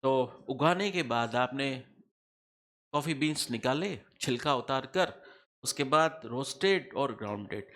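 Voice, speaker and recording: A man's voice: medium pitch, animated, measured pace, fairly bright tone. A middle-aged man teaching tax law in a classroom lecture, repeating key figures and quizzing students with questions.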